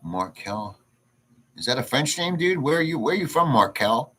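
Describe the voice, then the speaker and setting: In a mid-range, somewhat bright voice with a breathy edge, this man talks at normal speed but very animatedly. Hosting a casual livestream from home in a rural province, he goes on crude, blunt, rambling rants and answers chat.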